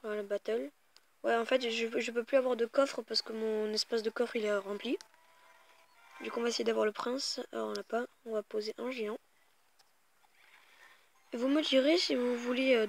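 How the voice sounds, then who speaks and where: A woman's voice: fairly high pitch, fairly even intonation, moderate pace, vocal fry, a little hiss or hum. A woman casually commenting on a mobile game as she plays it, talking straight to her viewers in a chatty way with many fillers and restarts. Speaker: gaming YouTuber.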